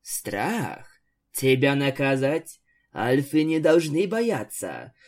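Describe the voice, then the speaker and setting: A man's voice: medium pitch, big pitch swings, slow. Man doing a haughty, menacing vampire pony. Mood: scornful. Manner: mocking, cold, domineering.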